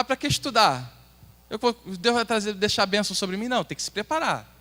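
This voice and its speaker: A Brazilian pastor with a Brazilian Portuguese accent, preaching an earnest sermon and asking the congregation questions. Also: male voice, extremely high pitch, sharp tone. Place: church hall. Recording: long hall reverb.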